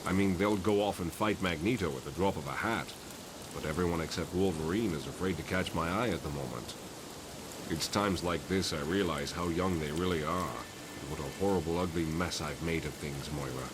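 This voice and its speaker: An actor playing an older, guilt-ridden professor in a motion comic, speaking in a grave, measured, eloquent way. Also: male voice, sits low, noisy background, natural voice. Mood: despairing. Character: weary, guilt-ridden older male professor and mutant mentor.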